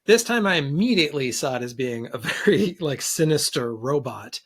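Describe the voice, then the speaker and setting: Higher-voiced man as a casual podcast guest. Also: lively intonation, moderate pace, fairly bright tone. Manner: thoughtful, hedging, often restarting sentences.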